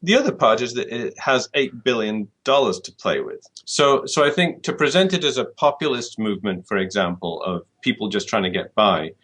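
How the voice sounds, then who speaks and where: A British author with a medium-pitched, slightly bright and slightly rough voice speaks expressively at normal speed with few pauses. Interviewed conversationally, he reasons thoughtfully, restarting and repeating words.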